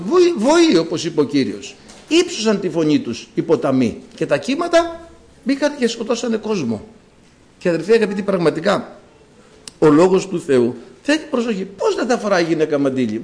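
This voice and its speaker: A man preaching a sermon to his congregation, emphatic, with loud exclamations and quiet asides, and slow, solemn readings of scripture. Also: high voice. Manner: reads scripture slowly and solemnly.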